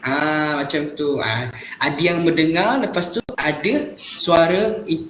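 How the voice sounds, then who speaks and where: Patient teacher explaining. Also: male voice, fairly high pitch, measured pace, a bit bright, roomy sound, a little hiss or hum, poor audio. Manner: patient, explaining with many "ah" fillers. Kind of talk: classroom role-play lesson.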